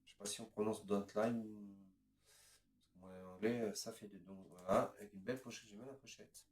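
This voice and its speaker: A man's voice: lowish voice, fairly even intonation, moderate pace. A man in his fifties casually presenting his record collection, hesitant and chatty, moving item to item with frequent filler words. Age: 50s. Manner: hesitant, strings items together with "voilà" and "ensuite". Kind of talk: casual show-and-tell. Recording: roomy echo.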